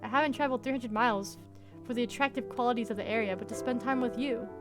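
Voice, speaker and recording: A woman reading the lines of a pushy, possessive male ex-partner in a visual novel game, in her own higher voice. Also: fast talker, over music, lightly acted. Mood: insistent. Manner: plain, even reading of the lines.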